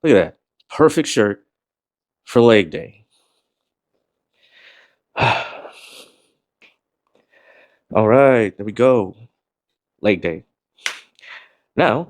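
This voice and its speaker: A man vlogging casually to camera about gym shirts, talking in a rambling, laid-back way, swearing now and then, with a voice he calls monotone. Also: medium pitch, slow, pauses often, dry recording. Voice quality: calls his own voice monotone.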